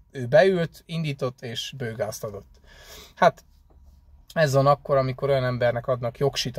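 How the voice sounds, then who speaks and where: A man rambling conversationally in a casual vlog, pausing often with hesitation fillers. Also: mid-range voice. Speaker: delivery van driver vlogger.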